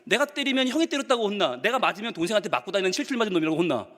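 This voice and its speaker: A wronged child whines and pleads in a high, sing-song voice, as a man puts the child on. It echoes with a long church-hall tail. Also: big pitch swings, racing, fairly bright tone. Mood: pleading. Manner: whiny pleading. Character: aggrieved pleading schoolchild.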